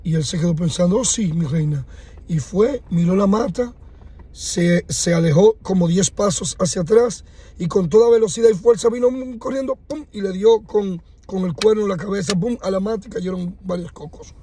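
A man casually telling a motivational fable, animated, acting out sounds and dialogue. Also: sits high, moderate pace, breathy edge. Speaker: motivational storyteller.

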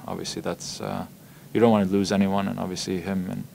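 Low, gravelly young man, halting answers. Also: flat delivery, a little mellow, a little hiss or hum. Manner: halting, many ums and repeated words. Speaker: hockey player. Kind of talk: postgame press conference answers. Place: press room in front of a logo backdrop. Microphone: table microphones in front of him.

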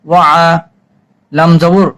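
A man teaching Quran reading, spelling out each letter and vowel slowly before chanting the joined words. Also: fairly high pitch, flat delivery, poor audio. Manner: slow, drawn-out syllable-by-syllable spelling and chanted recitation. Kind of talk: spelling-out recitation lesson.

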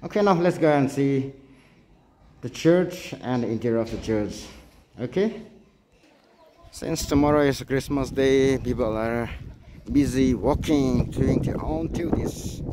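A man's voice: mid-range voice, unhurried, warm tone, slight background noise, low-quality recording. A man giving a casual walking tour to viewers, chatty and pointing things out as he goes, recorded on a handheld phone. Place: outdoors on a hillside village and indoors.

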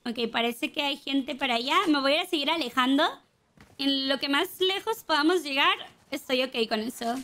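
A woman's voice: high voice, normal speed, bright, forceful tone. A young woman with a Mexican accent, streaming a game and chatting casually, swearing and singing along now and then. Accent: Mexican Spanish.

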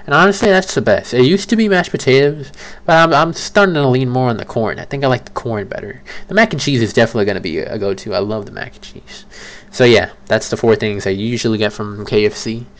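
A man's voice: mid-range voice, quick pace. A young man rambling casually through a solo ranking video, often correcting himself mid-sentence. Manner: rambling, self-correcting, chatty. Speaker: creator ranking fast food.

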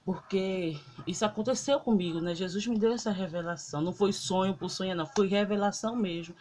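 Over loud guitar music, a Brazilian woman speaks fairly quickly in a medium-pitched voice with a little hiss or hum. Recording herself on her phone, she gives a casual, emotional testimony about a dream, full of fillers and rambling.

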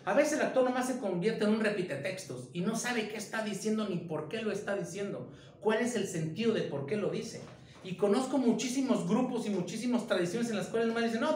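A man's voice: sits high, echoey room. A man, a theater director teaching an informal acting lesson and firing off many rhetorical questions.

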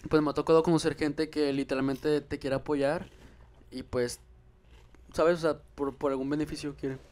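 A young Mexican musician, guesting on a casual podcast, speaks at normal speed in a fairly high, darkish voice with a steady tone. Easygoing and full of hesitant fillers, he sits on a couch in a small room holding a handheld mic.

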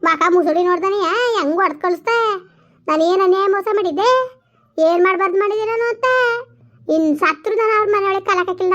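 A woman playing a shrill, quick-tongued village woman. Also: fairly bright tone, highs cut off. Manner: quarrelsome, scolding, argumentative. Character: bickering village woman in a family feud. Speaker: village family drama actor. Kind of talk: village family drama dialogue.

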